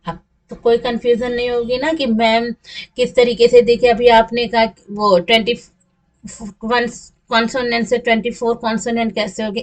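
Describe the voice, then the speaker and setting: A woman English teacher giving a slide lesson, patiently repeating and stretching example words. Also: mid-range voice. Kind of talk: classroom lesson over slides.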